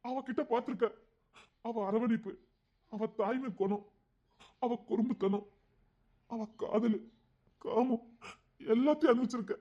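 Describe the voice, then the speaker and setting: A man plays a gang king in an audio story, pleading softly with a high Tirunelveli Tamil voice. He longs for a quiet family life and speaks with tender feeling. The recording is dull and lo-fi. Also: measured pace, pauses often. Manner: soft, pleading, heartfelt.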